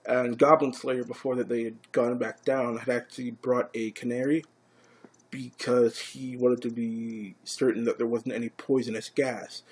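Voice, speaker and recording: Husky-voiced man recapping an anime. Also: medium pitch, moderate pace. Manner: casual, profane, grows excited. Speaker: anime reviewer. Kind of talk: casual recap and review.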